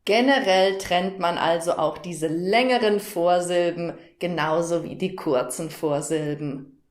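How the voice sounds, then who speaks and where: A woman teaching a grammar lesson to learners, speaking directly to the viewer and carefully stressing syllables in her examples. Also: fairly low pitch. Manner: slow, deliberate, stressing syllables to demonstrate. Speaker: German teacher. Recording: roomy echo.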